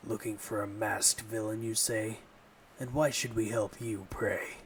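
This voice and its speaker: A man voicing a gruff, hostile settlement leader who distrusts outsiders, reading his game lines in a stern, curt way. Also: fairly low pitch, little pitch movement, measured pace, far from the mic, a little hiss or hum, close to an everyday voice, poor audio. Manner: stern and curt, with a failed attempt at a growl. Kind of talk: reading game dialogue aloud. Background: game music.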